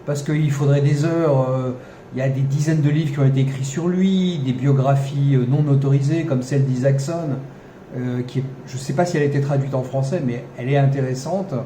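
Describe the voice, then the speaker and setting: A podcast host talks off the cuff in an unscripted commentary monologue, full of fillers, restarts and wry ironic asides. His medium-pitched voice is dark-toned and brisk, recorded in an echoey room with faint background noise.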